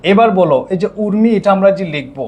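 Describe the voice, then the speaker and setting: A man's voice: high voice, lively intonation, fairly quick, lo-fi sound. A male teacher with a Bangladeshi Bengali accent, explaining step by step in an online class and often checking that students follow.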